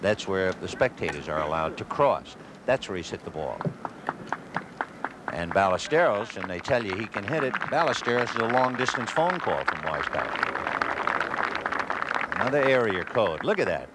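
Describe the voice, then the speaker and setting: A man giving live golf commentary with wry, wisecracking asides. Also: on the low side. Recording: noisy outdoor broadcast with crowd, 1980s. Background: outdoor gallery crowd and ambience.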